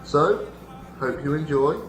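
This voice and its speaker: A man's voice: fairly high pitch, takes it slowly, slight background noise, poor audio. A young adult man, a student vlogger, talking casually to camera in a dry, self-deprecating way with bits of slang. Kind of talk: casual vlog talk to camera.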